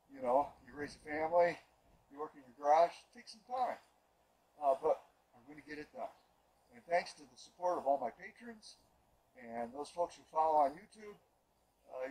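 Lively older man in workshop vlog. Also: a little high, gravelly, rough recording. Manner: rambling, with frequent fillers and restarts. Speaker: glider builder and channel host. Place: home garage workshop.

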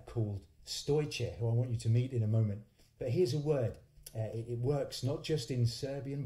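Between songs, a warm-toned man in his forties with a medium-pitched voice hosts and tells stories casually, his halting conversational phrasing often starting over. The singer-songwriter is in a small indoor home studio, speaking into a studio condenser microphone on a stand, with roomy, echoing livestream sound.

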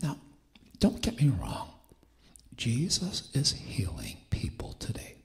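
Man preaching in a gravelly whisper. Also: medium pitch, wildly swooping pitch, slow. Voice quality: impaired whispery voice. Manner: emphatic, building fervor. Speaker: guest preacher. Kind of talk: sermon. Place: church sanctuary.

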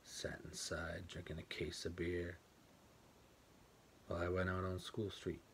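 An actor playing a guarded, bitter grown man who quietly recalls the day his mother left, in a clipped, plainspoken monologue over a home webcam. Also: sits low, completely flat delivery, unhurried, gravelly, slight background noise, heavily acted. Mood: subdued. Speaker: actor performing a film monologue. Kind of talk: stage monologue, told to a listener. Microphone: home webcam for an online event.

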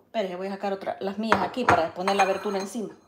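A woman's voice: medium pitch, steady tone, fast, very noisy. Chatty Salvadoran woman cooking. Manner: chatty, teasing, calls out dishes like a street vendor. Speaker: cooking show host. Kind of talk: casual cooking chat. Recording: echoey kitchen with clattering dishes.

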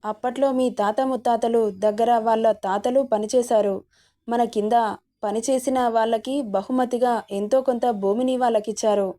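Lady doing a bossy old granny who owns land, threatening, kinda high and soft-toned. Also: steady tone, moderate pace, close to an everyday voice. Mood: bitter. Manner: commanding, threatening. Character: fierce elderly grandmother, proud landowner.

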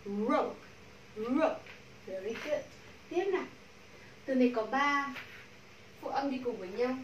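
A woman with a Vietnamese accent teaching English pronunciation to a class, modeling sounds slowly and repeating drills. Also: high-pitched, lively intonation, far from the mic, lo-fi sound. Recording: echoey room, from the mic, faint noise.

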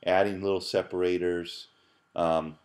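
A man's voice: deep voice, little pitch movement, measured pace, darkish tone. A man, a computer science professor, casually talking through a screencast tutorial with loose, chatty phrasing and frequent restarts. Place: at his computer, voice-over on screen capture.

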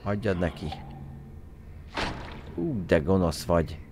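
A man giving joking let's-play commentary as a game streamer, excitably yelling at his character. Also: sits low, noisy background.

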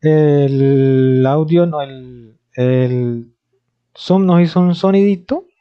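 A middle-aged man giving an informal software tutorial in a conversational, instructive way. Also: fairly high pitch, very slow, clean tone. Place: small indoor room. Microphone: headset microphone. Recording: dull, lo-fi headset audio.

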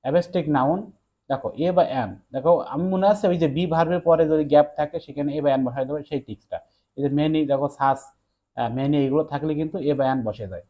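A young man teaching an exam-prep English lesson, talking quickly to his students and telling them again and again to look at the board. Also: a little high, dark tone. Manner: rapid, repeats "look" to students.

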